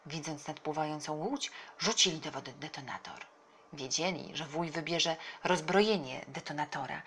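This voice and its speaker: A woman narrates a children's storybook in an expressive reading voice. Her pitch rises and falls widely and keeps the telling animated, over a faint noisy hiss. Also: gravelly.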